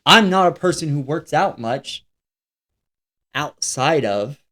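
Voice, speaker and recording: A man's voice: on the high side, animated, takes it slowly, pushed and bright. A man co-hosting a casual podcast, joking and playfully contrary. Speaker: podcast co-host.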